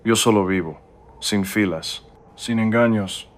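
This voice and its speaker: A man narrating a first-person story in a calm, reflective way. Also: lowish voice, takes it slowly.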